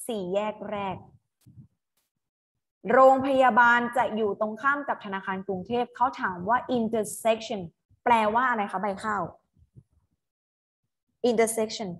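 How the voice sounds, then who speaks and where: A woman teacher tutors her class through an English exam online. Her voice sits somewhat high. She is patient and coaxing, reading English phrases aloud slowly and then explaining them.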